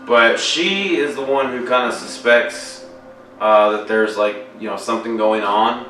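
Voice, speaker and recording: Casual horror-film talk comes from this young podcast co-host, whose mid-range voice is sharp in tone and a little slow. Full of fillers and frequent swearing, his rambling is recorded in an echoey room at a distance from the mic, faint music underneath.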